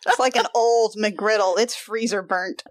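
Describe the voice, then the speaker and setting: A woman's voice: medium pitch, a little slow, no echo. A woman playing a tabletop game, wry and questioning in casual banter. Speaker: player. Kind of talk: casual role-play banter.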